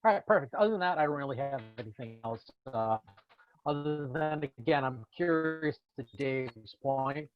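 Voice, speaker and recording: A man's voice: mid-range voice, normal speed. A man on the town board speaking politely over a video call whose connection breaks up and cuts out. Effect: connection breaking up and cutting out. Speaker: board member. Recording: muffled video call audio.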